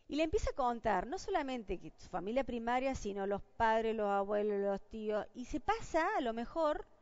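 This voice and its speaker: Argentine woman lecturer, animated higher voice, dull dry lo-fi recording. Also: no room sound. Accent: Argentine Spanish. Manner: lively, rhetorical questions to the audience. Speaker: lecturer on job interviews. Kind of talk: university lecture.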